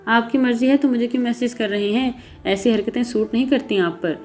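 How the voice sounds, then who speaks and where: A woman's voice: on the high side, a little mellow, soft background music, close to an everyday voice. A woman voicing a spirited young heroine in a story reading, talking with indignant, emotional force. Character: spirited young woman, proud and quick to anger. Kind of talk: audiobook character reading.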